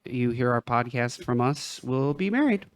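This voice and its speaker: Man, podcast co-host, casual chat, playful and jokey, gets loud at times. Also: medium pitch, animated, moderate pace, dry recording, studio quality. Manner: joking, playful, loud bursts.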